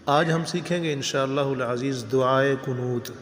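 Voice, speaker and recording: A man's voice: mid-range voice, fairly even intonation, fairly bright tone, big-room sound. A man teaching careful recitation, patiently correcting pronunciation word by word. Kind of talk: religious recitation lesson.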